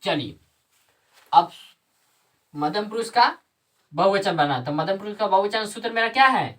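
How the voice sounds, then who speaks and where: This classroom lesson has a woman teacher explaining things step by step at normal speed, her mid-range voice expressive and fairly bright. She asks and answers her own questions and repeats each step, her voice coming from a distance.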